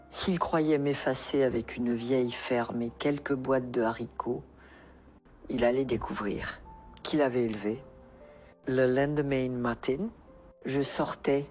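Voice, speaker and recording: A woman narrating a first-person life story in a measured, reflective way. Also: extremely low pitch, darkish tone.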